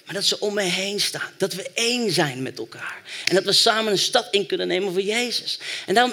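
Bright-voiced, high-pitched man preaching. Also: vocal fry. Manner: storytelling, rising to fervent exhortation. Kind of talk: sermon.

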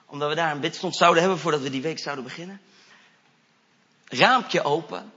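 A man with a high, bright voice preaches with eager, animated energy, slipping English phrases into his storytelling. The recording sounds dull and lo-fi. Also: a little fast. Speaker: evangelist preacher. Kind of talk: sermon testimony storytelling.

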